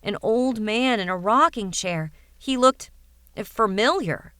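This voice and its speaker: A woman's voice: medium pitch, slow, fairly bright tone, clear, resonant tone, no room sound. A woman voicing a young boy who is groggy and pained, speaking in a strained, groaning way in an audiobook. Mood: shaken.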